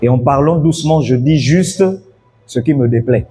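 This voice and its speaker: A man's voice: mid-range voice, moderate pace, warm tone, husky, faint music behind. A pastor preaching an evening sermon, telling a story and calling out to his congregation to follow him.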